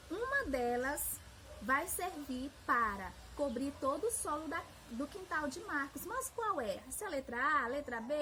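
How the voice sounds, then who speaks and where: A woman's voice: high voice, a bit bright. A woman teacher with a Brazilian Portuguese accent giving a recorded lesson to young children, patient and sing-song, stretching out syllables. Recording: roomy echo, far from the mic, faint hiss.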